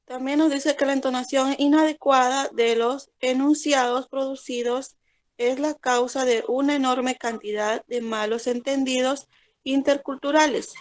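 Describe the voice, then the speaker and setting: A woman student reads her part of a class presentation. Her voice is high, and she reads carefully and evenly. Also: measured pace. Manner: careful, even reading.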